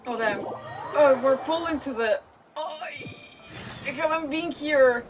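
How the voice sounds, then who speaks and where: A woman streams a game with casual live commentary, thinking aloud hesitantly and repeating words, while game music plays. Her voice is high and slow-paced. The mic is distant and the recording rough.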